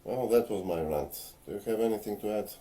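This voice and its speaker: A man's voice: on the low side, quick pace, warm tone. A man from Bulgaria, a little tipsy, ranting earnestly and lecturing at home, with hesitant fillers. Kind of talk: casual on-camera rant. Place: home, in front of a ring light.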